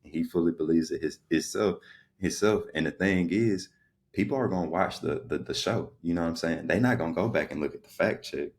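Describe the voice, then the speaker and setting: A man's voice: deep voice, fairly quick, darkish tone. A man co-hosting a podcast in a loose, rambling casual chat, full of fillers. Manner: loose, rambling, lots of "you know what I'm saying". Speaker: podcast co-host.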